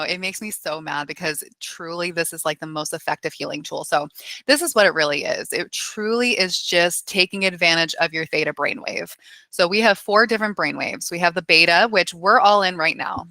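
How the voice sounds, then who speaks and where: A woman hypnotherapist talks through her subject in a casual, chatty podcast manner, laughing often and leaning on fillers. Her voice is bright and sits a little low for a woman. The sound is close and dry. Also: normal speed, no echo. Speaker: hypnotherapist guest.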